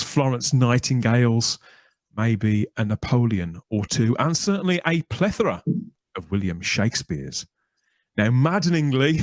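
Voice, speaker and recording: A man hosts a podcast, introducing guests and interviewing them in a chatty, wordy style with theatrical presenter phrasing. His voice is medium-pitched and the recording is dry.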